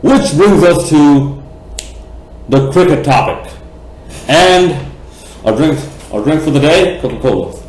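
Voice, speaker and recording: A man's voice: fairly high pitch, animated, slow pace, pauses often, a little mellow. Passionate rambling man, echoey room. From Bangladesh. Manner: passionate, rambling, many fillers and restarts, blunt and profane. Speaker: cricket vlogger. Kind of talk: opinionated vlog rant.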